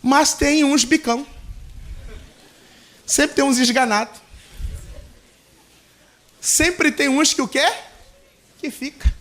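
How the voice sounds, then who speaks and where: A man preaching a sermon as a pastor, with a Brazilian Portuguese accent, telling a story in a lively way and acting out the people in it. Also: very high voice, slow, long pauses.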